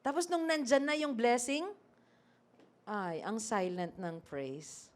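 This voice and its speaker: A woman preacher giving a lively sermon, acting out scripture and asking the congregation questions. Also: lowish voice. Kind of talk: sermon mixing Tagalog and English.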